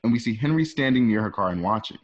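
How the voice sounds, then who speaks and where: A dull-sounding male narrator reads stage directions as scripted narration for an online radio drama, stumbling and correcting himself along the way. His voice sits on the low side, animated and fast. The home recording is dull and lo-fi.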